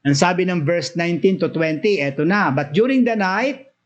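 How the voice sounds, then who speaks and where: A man's voice: high voice, moderate pace, muffled recording. A man with a Filipino accent preaching a Bible study sermon, switching between Tagalog and English, reading verses aloud and then explaining them with rising, emphatic bursts.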